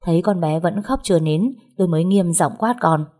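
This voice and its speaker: A woman reads a first-person family drama aloud in a steady storytelling manner. Her voice sits low, with a mellow warmth and a husky, breathy edge. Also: a little fast. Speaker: narrator. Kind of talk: first-person audiobook narration.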